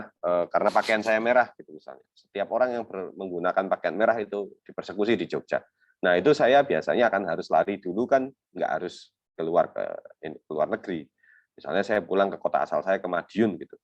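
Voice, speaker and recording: A man's voice: low voice, dry recording. A young man giving a webinar lecture, explaining things in a conversational way with a lot of fillers and made-up examples, recorded over a video call. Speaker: webinar speaker on refugee law. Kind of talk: academic webinar presentation. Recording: dull lo-fi video call audio.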